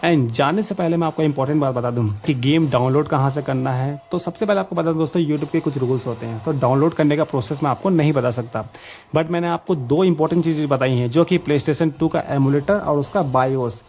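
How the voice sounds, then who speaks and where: A man casually talking viewers through a gaming setup tutorial, chatty and excited, calling them friends. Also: a little high, brisk, faint music behind. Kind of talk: casual screen-recorded tutorial commentary.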